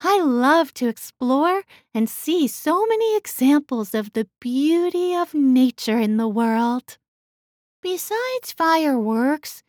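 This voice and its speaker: A woman's voice: high-pitched, dry recording, clean studio sound, pitched above the performer's own voice, exaggerated voice. A woman voicing an eager young girl explorer who talks enthusiastically. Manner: bright and enthusiastic.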